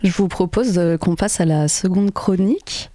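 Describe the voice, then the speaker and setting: A woman's voice: lowish voice, normal speed, dark tone, dry recording. A woman hosting a podcast and introducing segments. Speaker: podcast host.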